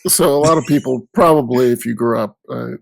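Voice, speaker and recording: A man in casual podcast chat, explaining in a relaxed way. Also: medium pitch, fairly quick, creaky, no room sound. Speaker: podcast guest.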